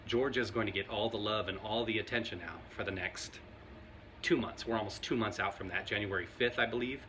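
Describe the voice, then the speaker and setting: A man's voice: on the low side, fairly quick, bright, forceful tone, a little hiss or hum. A man vlogging casual commentary to camera, talking in a rambling, conversational way and often laughing.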